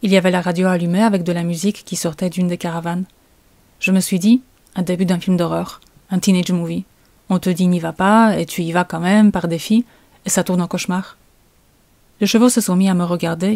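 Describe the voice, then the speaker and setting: A woman's voice: on the low side, warm tone, no echo. Woman narrating. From Poland. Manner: storytelling, suspenseful. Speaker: comic author. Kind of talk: first-person narration.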